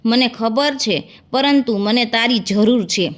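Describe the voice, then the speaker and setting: A remorseful younger sister who once had wealth and lost it all, pleading and apologetic in a storybook tale, as a woman narrator reads her part. Her voice sits a little high. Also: slow pace. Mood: earnest. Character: remorseful fallen-rich younger sister, tearful.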